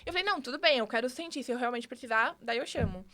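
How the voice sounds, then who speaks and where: A young woman with a Brazilian Portuguese accent, talking quickly as a podcast guest. Her voice sits a little high, and she tells her story with animated energy, jumping into quoted dialogue and restarting her sentences. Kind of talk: casual storytelling interview.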